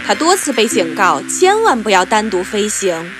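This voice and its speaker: A woman's voice: mid-range voice, sing-song, moderate pace, over music. A woman reading a scripted children's story as its narrator.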